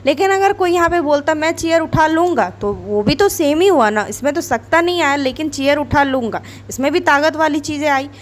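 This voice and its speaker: High-voiced woman teaching English. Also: animated, fairly quick, few pauses. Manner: chatty, explains with everyday examples. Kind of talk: spoken English lesson to camera.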